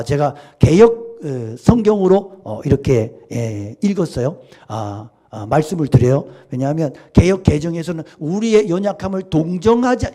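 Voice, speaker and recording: A man preaching a Sunday sermon, swinging from loud exclamations to hushed, intimate asides. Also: a little high. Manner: sings hymn lines slowly. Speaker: pastor.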